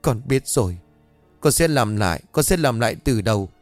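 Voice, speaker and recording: A man's voice: mid-range voice, animated, normal speed, dry recording, faint music behind, close to an everyday voice. Tearful stammering young woman, voiced by a male narrator, pleading and scared, story reading. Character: frightened young woman, spoiled pleading daughter.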